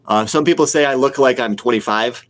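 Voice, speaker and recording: Fairly quick and fairly bright in tone, a medium-pitched man around forty hosts a casual livestream as a retail investor, taking viewer comments. He has a cold and sniffles, and his manner is blunt and opinionated, with repetition for emphasis.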